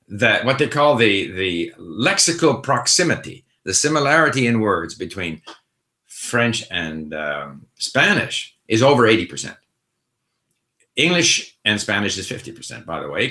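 A middle-aged man with a lowish, pushed, bright voice hosts a casual live Q&A, answering viewer questions about language learning. He talks thoughtfully and conversationally, with lots of fillers and restarts. The recording has a roomy echo.

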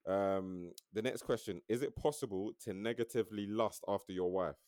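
A man's voice: on the low side, moderate pace, darkish tone, no room sound, clean studio sound. A young man with a London roadman accent and urban slang, chatting casually as a podcast co-host. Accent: London, urban street slang. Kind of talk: casual chat.

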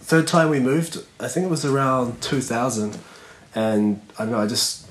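A relaxed man tells stories at an easy, meandering pace, leaning on fillers as he goes. His voice sits at an ordinary middle pitch. A faint hiss of background noise sits under the recording. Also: moderate pace, poor audio. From New Zealand. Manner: rambling, laid-back, lots of "like" fillers. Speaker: guest skateboarder. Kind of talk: casual podcast chat.

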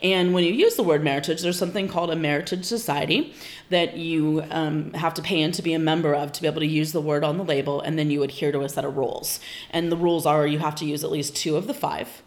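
A woman with a notably low voice talks through wine details as a podcast guest. She explains patiently and informatively, with frequent ums. She is from Northern California. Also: steady tone, fast. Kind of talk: casual podcast interview.

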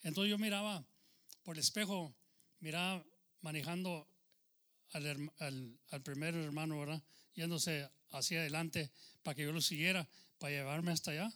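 Pastor telling his story, higher-pitched man. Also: fairly even intonation, moderate pace, sharp tone. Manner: conversational, addressing listeners as brother. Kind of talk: testimony sermon.

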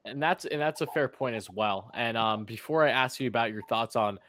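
A man's voice: mid-range voice, a little fast, a bit bright, no room sound. A man hosting a casual livestream chat, greeting viewers and asking his guest long questions. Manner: friendly, thanks viewers, asks long questions. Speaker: livestream podcast host.

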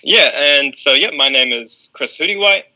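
A man's voice: a little high, normal speed, rough recording. A man with a New Zealand accent, a guest talking thoughtfully in a podcast interview. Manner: relaxed, thoughtful, many ums.

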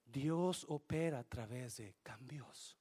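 A man preaching a sermon to his church in an animated, joking way, slipping English phrases into his Spanish. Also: medium pitch, slow pace, breathy edge. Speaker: pastor.

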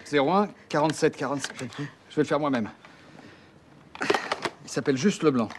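An actor playing an impatient, scheming, sarcastic man in film dialogue, brisk and condescending. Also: fairly high pitch, slight background noise, natural voice.

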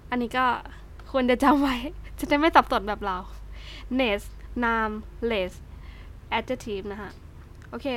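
A young woman with a Thai accent, giving a casual spoken English lesson, chatty, swearing now and then, reading out word lists slowly. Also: fairly high pitch, a bit bright, slight background noise. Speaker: English tutor.

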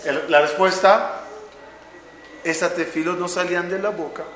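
A man's voice: high-pitched, fairly even intonation, moderate pace, fairly bright tone, soft background music. A man teaching a religious class, telling stories and asking questions of the audience. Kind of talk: Torah class to a live audience. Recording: echoey room.

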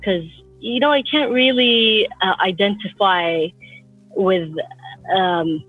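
A woman in her thirties from Abu Dhabi, a guest artist talking in a relaxed, reflective way outdoors in the wind. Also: medium pitch, slow pace. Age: 30s. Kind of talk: casual interview talk. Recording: dull lo-fi sound, faint music.

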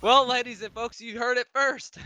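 A man's voice: very high-pitched, fairly even intonation, normal speed, noisy background. A man hosting a podcast in casual chat, laughing and teasing his co-hosts. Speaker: podcast host.

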